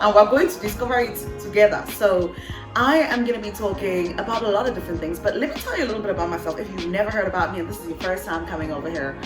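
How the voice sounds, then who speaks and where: In an echoey room, a young Cameroonian woman with a medium-pitched voice chats to camera in a bubbly, playful way, laughing often. Her Cameroonian English accent drifts toward British. She works as a vlogger and voiceover artist.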